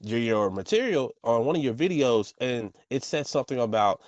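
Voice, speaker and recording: A male podcast host chatting casually with his guest. He talks in a halting way, repeats his words and restarts his sentences. His voice is recorded very dry, with no room sound. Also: medium pitch, animated, darkish tone, no echo, dull audio. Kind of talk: casual interview chat.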